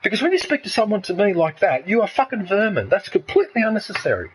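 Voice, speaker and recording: A man's voice: high-pitched, sing-song, fast, husky, rough recording. A man in his fifties from Australia, ranting angrily and swearing heavily in a casual chat. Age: 50s. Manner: heated, swearing, repetitive ranting. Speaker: streamer.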